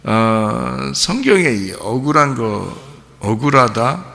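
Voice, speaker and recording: A man's voice: mid-range voice, big pitch swings, takes it slowly, gravelly, sharp tone, in a large hall. A male pastor preaching a sermon with emphasis, often putting questions to the congregation.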